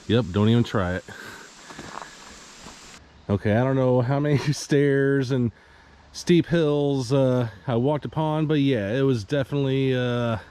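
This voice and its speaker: A man's voice: mid-range voice, measured pace, long pauses, warm tone, clear, resonant tone. A man with a Midwestern American accent, chatting casually and rambling with chuckles as he hikes a wooded trail, a little out of breath. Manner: rambling, chuckling, hedging with fillers. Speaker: hiking vlogger. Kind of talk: casual vlog narration while hiking. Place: outdoors on a wooded hiking trail.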